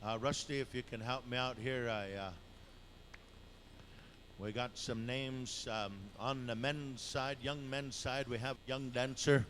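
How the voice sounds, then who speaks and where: A man working as a powwow emcee, announcing live in an informal, halting way and drawing out the names he calls. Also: medium pitch, fairly even intonation, a bit bright. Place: powwow dance arena. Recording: noisy live event PA announcement. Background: clear event noise and ambience.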